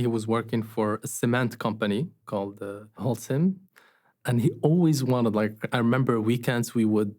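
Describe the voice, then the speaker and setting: A man from Morocco, a company founder, talking in a relaxed interview and telling stories with fillers and restarts. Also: mid-range voice. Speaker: guest, startup founder. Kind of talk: casual interview conversation.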